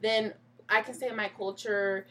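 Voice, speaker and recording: A woman's voice: mid-range voice, steady tone, measured pace, bright, forceful tone, a little hiss or hum. A young American woman talking about her identity in a casual chat, thoughtful and full of fillers. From United States. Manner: reflective, many "like" fillers.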